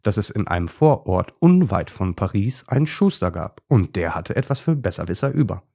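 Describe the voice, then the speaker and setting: A man's voice: on the low side, sing-song, moderate pace, warm tone. A man voicing a know-it-all male chimpanzee in a children's story, pedantic and always correcting others. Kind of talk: storybook character voice.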